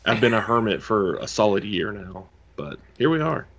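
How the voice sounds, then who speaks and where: A man who is hoarse and losing his voice, chatting casually as a podcast co-host in a wry, easygoing way. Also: fairly low pitch, big pitch swings, moderate pace, a bit bright. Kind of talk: casual chat. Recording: dull lo-fi mic.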